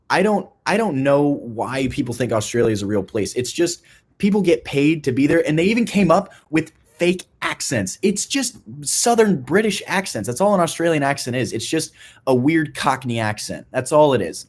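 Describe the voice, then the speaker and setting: A young man giving a playful, mock-serious talk to a youth group, rambling with restarts and a deadpan tone. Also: mid-range voice. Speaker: youth ministry speaker.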